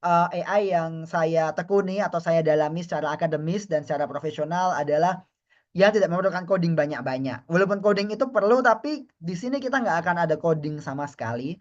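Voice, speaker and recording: A man's voice: fairly high pitch, a little fast, dull audio. A man from Indonesia, a university lecturer, giving a friendly, chatty online webinar lecture and often addressing the audience as friends.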